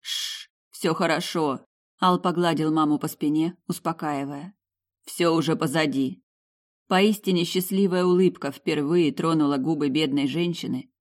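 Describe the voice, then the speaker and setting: A woman in scripted narration, reading a fantasy novel in an even storytelling manner. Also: low-pitched. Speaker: audiobook narrator.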